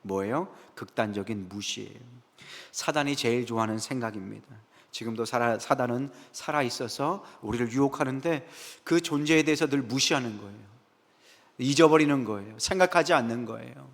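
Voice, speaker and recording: A man's voice: mid-range voice, a little fast, gravelly. A man preaching a sermon as senior pastor. He keeps asking the congregation rhetorical questions and answers himself with "yes". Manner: rhetorical questions, frequent "예" affirmations, lively asides to the congregation. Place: church sanctuary, Friday prayer service. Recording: echoey church hall.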